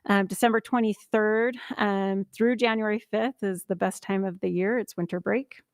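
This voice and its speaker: A woman's voice: medium pitch, steady tone, moderate pace, no echo, clean studio sound. A woman chairing a school board meeting, reading out announcements in an informal way.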